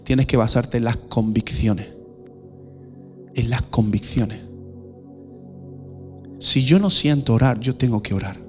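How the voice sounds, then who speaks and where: A man's voice: mid-range voice, slow pace, long pauses, faint music behind. Emphatic preacher man. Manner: direct, questioning, emphatic. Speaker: pastor. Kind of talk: sermon. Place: church.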